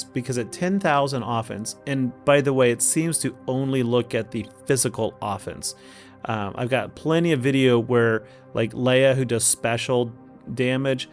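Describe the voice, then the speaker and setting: Oklahoma-accented man doing game commentary. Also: mid-range voice. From Oklahoma, United States. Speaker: gaming video host. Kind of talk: casual game strategy commentary. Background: music.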